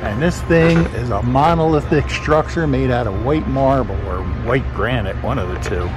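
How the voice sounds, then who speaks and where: A man's voice: medium pitch, normal speed, over music. Man guiding a walking street tour. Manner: relaxed, rambling, thinks aloud. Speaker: vlogger, tour guide. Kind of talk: casual walking tour narration. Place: outdoors on a town street. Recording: noisy outdoor street recording. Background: street traffic.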